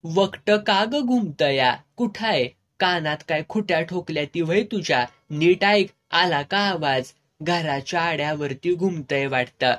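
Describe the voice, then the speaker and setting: A narrator voicing a gruff, stubborn village husband in rough rural dialect, reading a serialized novel. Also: medium pitch, unhurried, close to an everyday voice. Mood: urgent.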